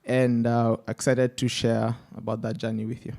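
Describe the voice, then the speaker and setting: A man's voice: medium pitch, monotone, normal speed, creaky, mellow. A man, introducing himself and his company on a conference panel in an upbeat way, with fillers and an uneven pace. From Kenya. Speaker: panelist, startup founder.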